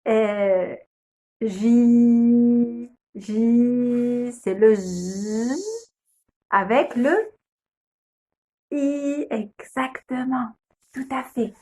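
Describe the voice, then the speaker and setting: Slow, patient woman teaching phonics. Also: on the high side, steady tone, warm tone. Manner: slow, patient, sounding out letters and syllables. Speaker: kindergarten teacher. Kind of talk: phonics lesson video.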